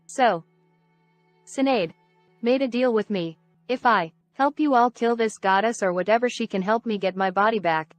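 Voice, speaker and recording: A woman's voice: fairly high pitch, moderate pace, no room sound, soft background music. A woman playing in a tabletop game, talking casually as she role-plays and chats. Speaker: player.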